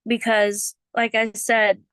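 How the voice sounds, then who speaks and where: A woman's voice: a little high, level tone, takes it slowly, fairly bright tone, smooth, dry recording. A woman whose first language is Chamorro, sharing personal experience as a learner in an earnest, emotional, informal way. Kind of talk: heartfelt personal testimony in casual talk.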